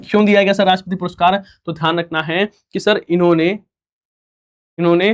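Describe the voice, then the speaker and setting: Male tutor, fairly high voice, quick recorded lecture, asks and answers himself. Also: steady tone. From India. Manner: rhetorical questions and repeated answers, student-style replies; fast-talking. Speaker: teacher. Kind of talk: recorded exam-prep lecture.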